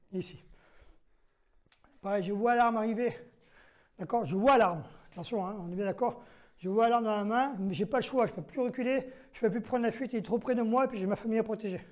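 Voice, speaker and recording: A man's voice: high voice, a little mellow. A man leading a self-defense lesson, explaining each move step by step while demonstrating and counting the moves aloud. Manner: explains step by step, checks in with "d'accord?".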